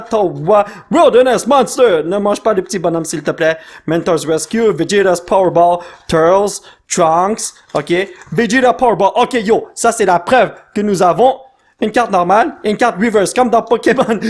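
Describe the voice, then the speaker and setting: A man doing casual unboxing commentary, excitably reading card names and mixing in English slang. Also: sits high. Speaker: YouTuber opening card packs.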